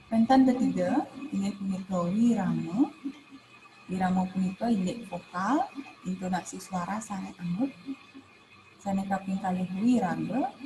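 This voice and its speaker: A woman teacher with a Balinese accent explaining poetry in an online class, full of "nah" and "ya" fillers. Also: medium pitch. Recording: noisy livestream audio with background hum.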